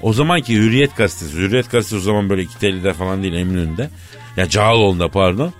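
A man hosting a comedy radio show, telling a story in a theatrical, slangy way that swings between mock sorrow and excitement. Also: sits low, rapid-fire, soft background music. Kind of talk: comic storytelling in a radio sketch.

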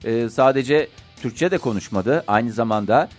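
A man co-hosting a casual morning radio show, talking through the news with many drawn-out fillers. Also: mid-range voice, soft background music.

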